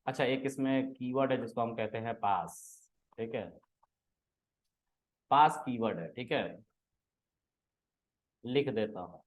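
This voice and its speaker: A man teaches a programming class in a mid-range voice, speaking a little slowly with frequent pauses. He casually quizzes and teases his students, asking them questions and scolding them.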